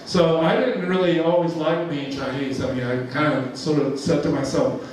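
This seventy-something speaker from Georgia, USA, chuckles often and fills his rambling, informal slide presentation with fillers, in a large church hall. His voice is a little high and darkish in tone at a moderate pace. Recorded from a distant mic, the hall sounds echoey, with a little hiss or hum.

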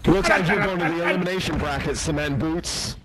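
A man's voice: high-pitched, rapid-fire, over a noisy crowd, poor audio. A man in competitive gaming voice chat over a headset, joking around and trash-talking opponents. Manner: playful trash talk. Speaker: teammate.

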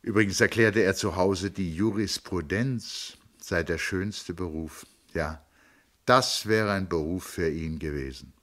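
A man reading a classic novel aloud in a measured storytelling manner. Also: sits low, a bit bright. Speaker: audiobook reader. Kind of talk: audiobook narration of a classic novel.

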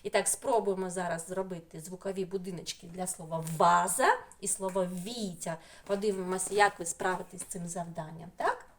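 A woman's voice: on the low side, steady tone, fairly quick. A middle-aged woman from Ukraine teaching a remote phonics lesson to small children, drawing out and repeating sounds in a sing-song way. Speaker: preschool teacher. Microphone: computer mic in an online class.

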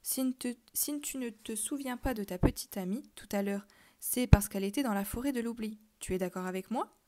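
A calm, protective young girl, voiced by a woman reading aloud, speaks in a low, whispery murmur. The storybook voice stays soft and steady. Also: fairly quick, a little hiss or hum, natural voice. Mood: earnest.

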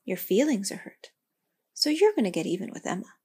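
A woman voicing a wise old elm tree who speaks calmly and reassuringly. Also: mid-range voice, a little fast, husky. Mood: gentle. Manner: calm, gentle, reassuring.

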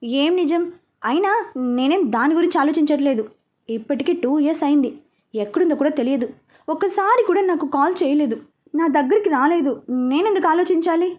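A woman voicing a blunt, quick-tempered young man in a storybook reading. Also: high voice, animated, a little mellow. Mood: irritated. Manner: irritated, scolding.

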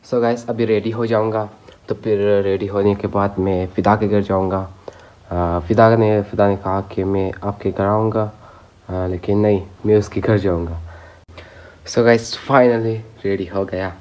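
A teenage Persian-speaking boy vlogs casually into a phone held at arm's length, calling his viewers "guys" while nursing a sore throat from a cold. His voice sits on the low side with fairly even intonation, a measured pace and a slightly mellow quality, though the audio is dull. He talks to camera in rooms at home and outdoors.

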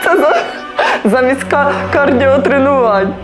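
A middle-aged woman gives excited commentary as she plays a virtual reality conductor game, talking to viewers between exclamations. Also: sits high, measured pace. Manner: animated, exclamatory, talks to viewers while playing. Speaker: mother playing a VR conductor game. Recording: orchestral game music loud behind her.

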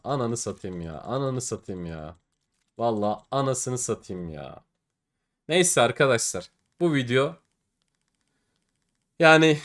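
A young man talks his viewers through opening game cases in a loose, chatty way. His voice sits at a middle pitch. He gets worked up easily, repeats himself, and curses when things go badly. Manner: excitable, swears and groans at losses. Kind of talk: casual gaming commentary.

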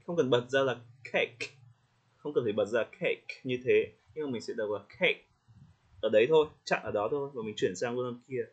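A man coaching English pronunciation in casual spoken feedback, friendly, slowing down to demonstrate words and laughing lightly. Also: mid-range voice, a little mellow, breathy edge. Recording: slightly dull lo-fi audio.

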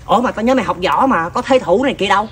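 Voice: mid-range voice, expressive, very fast, lightly acted. Comedy skit: an adult as a hot-tempered older relative, Southern Vietnamese accent, exasperated and scolding. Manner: loud exasperated scolding, repeated sighing exclamations.

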